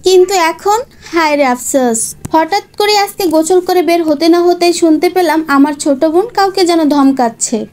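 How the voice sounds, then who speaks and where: A woman's voice: very high voice, moderate pace, few pauses, a little mellow. A woman narrating a scripted first-person story with an emotional, plaintive delivery.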